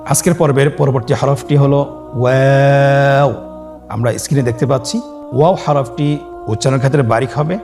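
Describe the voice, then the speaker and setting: A man teaching Quran reading step by step, stretching each letter name for listeners to repeat. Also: mid-range voice. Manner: drawn-out, sung letter names for listeners to repeat. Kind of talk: scripted lesson on Arabic letters.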